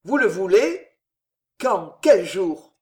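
A reader voicing a proud dying old nobleman in an audiobook, declaiming loudly with anguish. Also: mid-range voice, sing-song, slow. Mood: indignant. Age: older. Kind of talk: audiobook character reading.

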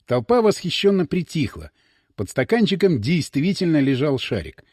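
Picture a man reading a story aloud with a lively, rising and falling voice. His pitch sits a little high, and he tells it with an ironic edge. The sound is dry and close to the mic. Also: moderate pace, no echo. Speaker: narrator. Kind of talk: scripted audiobook narration.

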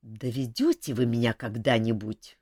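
A woman voicing an irritable, grumpy adult king who scolds gruffly. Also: low voice, sing-song, moderate pace, darkish tone, no echo, studio quality. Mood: grumbling.

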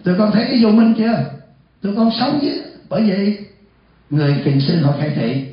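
Man, monk, sermon, lively questioning, slightly high voice, echoey hall, dull lo-fi sound. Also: fast talker. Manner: lively, asks the audience questions and acts out short dialogues. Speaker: senior monk giving a dharma talk. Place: temple hall with audience.

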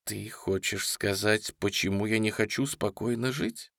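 A man's voice: medium pitch, animated, a bit bright, no echo, clean studio sound, natural voice. A man voicing a menacing young gunman. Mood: cold. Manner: coarse, menacing, slow and cold at times.

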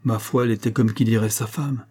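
A man's voice: fairly low pitch, fairly even intonation, a little fast, warm tone, slightly rough. A man voicing a wary dog dealer who answers reluctantly and guardedly. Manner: hesitant, guarded.

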